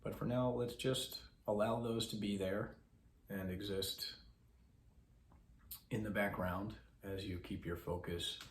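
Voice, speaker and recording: A man who teaches mindfulness, talking slowly and calmly with long pauses as he guides a meditation. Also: on the low side, reverberant. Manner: slow, calm, pausing instructions. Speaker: mindfulness instructor.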